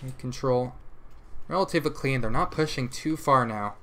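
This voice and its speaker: A man casting a competitive shooter match alone, giving rapid play-by-play that jumps up in pitch and volume at big plays and corrects himself as he goes. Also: pushed and bright, a little hiss or hum. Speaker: esports caster. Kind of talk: live esports play-by-play commentary.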